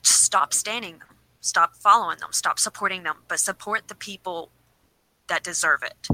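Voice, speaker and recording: Woman podcast co-host, very bright tone, earnest and pleading, a little shaky from the cold, dry sound. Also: on the low side, moderate pace, no room sound, poor audio. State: shivering, slightly shaky voice. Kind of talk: casual chat. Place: cold room.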